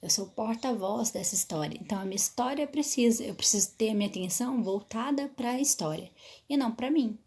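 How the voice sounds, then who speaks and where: A woman's voice: fairly high pitch, lively intonation, a little fast, a little mellow. A woman teacher explaining storytelling tips step by step, often checking in with "certo?", and having some trouble with her voice. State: voice trouble, pauses to drink water.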